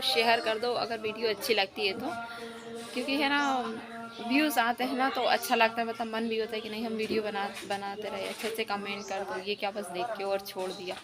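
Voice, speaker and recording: A woman's voice: fairly high pitch, level tone, brisk. A woman talking casually to her viewers in a home vlog, chatty and pleading for likes. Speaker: vlogger.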